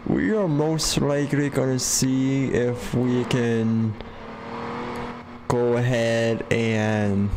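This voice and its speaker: Slow, rambling man narrating his gameplay. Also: mid-range voice, steady tone, noisy background. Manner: puts on a self-mocking southern drawl at times. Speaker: gamer streaming live. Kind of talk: casual live game commentary.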